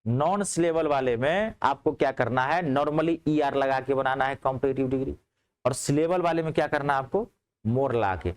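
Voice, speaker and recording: A man's voice: moderate pace, smooth. A man teaching a grammar class in speech, asking his students checking questions and answering them himself. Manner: lively, rising on questions and dropping low on answers.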